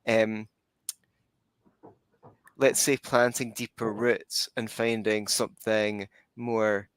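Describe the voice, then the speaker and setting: A man hosting a podcast interview, talking in a relaxed, rambling way with fillers. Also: on the low side, takes it slowly, slight background noise. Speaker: podcast host. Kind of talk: conversational interview.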